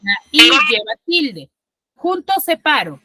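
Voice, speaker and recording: A woman's voice: on the high side, big pitch swings, slow, sharp tone, breathy edge, no echo. A woman teaching an online class, patiently explaining step by step and often checking that students follow. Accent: Peruvian Spanish. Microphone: computer mic on video call.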